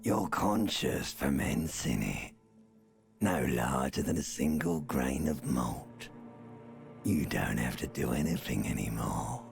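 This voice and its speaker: An actor in a video game playing a sly, coaxing, ancient reptilian inner voice with a gravelly rasp. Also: male voice, a bass voice, lively intonation, slow pace, exaggerated voice. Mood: sly, soothing. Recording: music under the voice.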